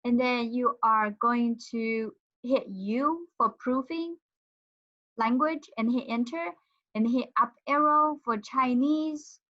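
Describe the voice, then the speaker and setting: Woman giving a slow, muffled tutorial. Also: on the high side. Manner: hesitant, thinking aloud while demonstrating. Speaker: instructor. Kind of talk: casual tutorial demonstration. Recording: dull lo-fi audio.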